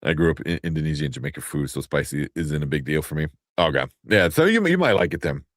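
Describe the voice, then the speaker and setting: A man with a deep, low voice hosting a relaxed live chat. He laughs a lot and wanders from point to point in a loose, rambling way. His voice sounds dry and close to the mic. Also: quick pace, dry recording. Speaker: podcast host. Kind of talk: casual chat.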